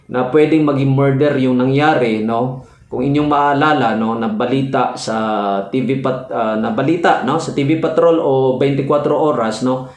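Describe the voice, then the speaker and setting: A man teaching in a loose classroom manner, his sentences broken by fillers and quick checks with the listener. His voice sits at a middle pitch, and the room around him rings with noticeable echo. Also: a little mellow. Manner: explains slowly with frequent "no?" checks and hesitations. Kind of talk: classroom-style legal lecture. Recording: echoey room.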